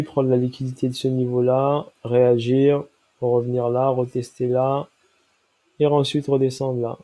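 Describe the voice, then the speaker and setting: Stuffy and nasal from a cold, a man with a warm, medium-pitched voice walks viewers through a trading chart as a crypto trading analyst. He explains as he goes and stops often to make sure listeners are following along.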